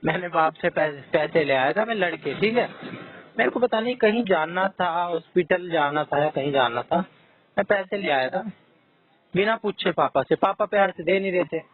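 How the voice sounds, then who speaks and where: A man's voice: high voice, expressive, moderate pace. A man chatting casually on a podcast, telling personal stories in a frustrated, rambling way. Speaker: podcast co-host. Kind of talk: casual chat. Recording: tinny phone-like sound with faint music.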